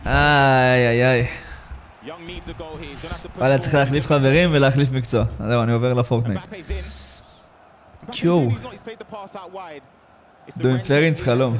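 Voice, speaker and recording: A man live-streaming a football video game, exclaiming in excitement, repeating himself and thanking viewers in slangy chat. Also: medium pitch. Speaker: gaming livestreamer.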